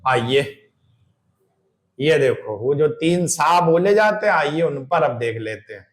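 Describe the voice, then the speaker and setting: A man's voice: fairly high pitch, lively intonation, takes it slowly. A man teaching Hindi grammar for exam prep, sounding out examples and answering his own questions.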